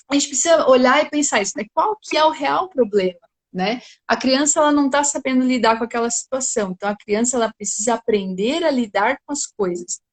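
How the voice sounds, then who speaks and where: Chatty woman explaining parenting tips. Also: on the high side. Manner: tags sentences often with 'né?'. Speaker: parenting guest speaker. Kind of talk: casual explanation in a live talk. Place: at home.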